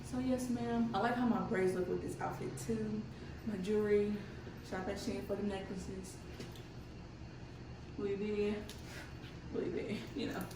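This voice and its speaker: A young woman speaks with retainers in, chatting playfully to her viewers in casual slang. The room is very echoey, the mic sits at a distance and there is clear background noise. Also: mid-range voice, fairly even intonation, unhurried, long pauses. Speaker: vlogger. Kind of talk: casual get-ready-with-me chat to viewers.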